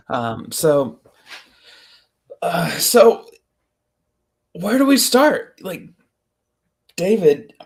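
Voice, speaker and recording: A man's voice: high voice, sing-song, drawn-out words, creaky, pauses often. A man hosting a casual interview, rambling with many fillers and a playful tone. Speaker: host.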